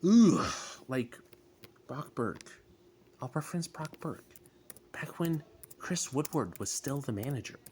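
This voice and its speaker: A man delivers a casual fan rant about sports in a mid-range voice with very animated intonation. He sounds exasperated, breaking into groans and emphatic bursts. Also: medium pitch, measured pace, pauses often, a little hiss or hum.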